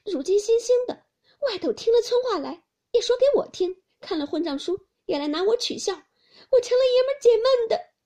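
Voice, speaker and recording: A woman voicing a delicate young noblewoman, speaking in a high tearful reproach in a story reading. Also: lively intonation, moderate pace, warm tone.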